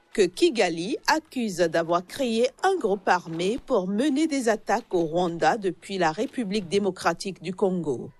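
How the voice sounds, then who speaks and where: A woman reading a news report with a measured, formal delivery. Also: mid-range voice. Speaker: news reader.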